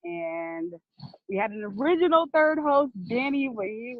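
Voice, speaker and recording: A woman's voice: high voice, sing-song, measured pace, dry recording. A woman guest chatting casually about her podcast, laughing often and swearing freely. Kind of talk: casual interview chat. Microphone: video or phone call. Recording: tinny phone-like line.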